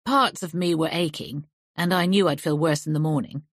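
A woman's voice: deep voice, normal speed, dry recording, studio quality. A woman narrating a crime novel audiobook, shifting her voice lightly for the characters' lines. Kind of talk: scripted narration.

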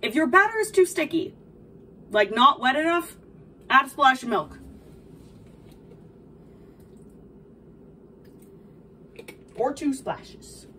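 A woman's voice: high-pitched, sing-song, moderate pace, pushed and bright, exaggerated voice. A young woman playing a sweet, cheerful video game princess, explaining baking in a dainty, encouraging, instructive way. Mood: thoughtful, instructive. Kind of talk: in-character cooking tutorial. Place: small home kitchen, indoors. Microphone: camera a few feet away. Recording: distant mic, noticeable background noise.

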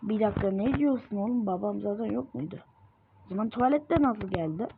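A woman giving excitable gameplay commentary, full of exasperated outbursts at the game. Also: medium pitch, a little fast, vocal fry. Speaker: gamer. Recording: tinny lo-fi mic with noise.

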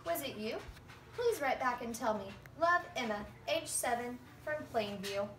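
A young woman reads a storybook aloud, voicing an eager, polite little kid writing to Santa in a high, swooping, earnest voice full of questions. Her delivery is lively, unhurried, and a bit bright, with an eager, curious mood. It was captured on a distant phone in a roomy space, with faint noise.

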